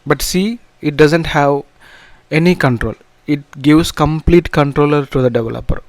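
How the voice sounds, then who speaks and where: A man with a Telugu accent teaching an informal programming tutorial, in halting, repetitive phrases with restarts. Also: a little high, dry recording. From south India. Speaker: programming instructor.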